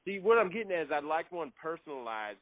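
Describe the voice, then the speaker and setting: A man making a phone call, polite and halting, often repeating his words. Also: a little high, sing-song, no echo. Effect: heard over a phone line. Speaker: prank caller. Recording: thin, dry phone line.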